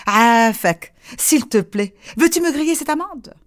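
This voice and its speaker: A simple-minded young man who never takes no for an answer, put on by a woman telling a folk tale. He pleads sweetly and then digs in with a loud, lifted voice. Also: very high-pitched, animated, a little slow. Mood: pleading.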